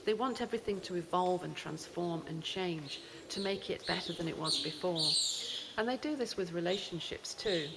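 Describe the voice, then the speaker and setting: Woman, astrologer, cave echo, long reverb, gravelly low voice, pauses with um. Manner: unhurried, often pausing with "um". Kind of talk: spoken astrology explainer to camera. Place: cave deep in a mountain range. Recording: long cave reverb, faint background noise.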